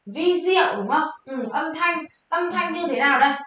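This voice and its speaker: A woman teaching Japanese vocabulary for an exam, quizzing her viewers and answering her own questions in a lively way. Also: high voice, moderate pace. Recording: very echoey room.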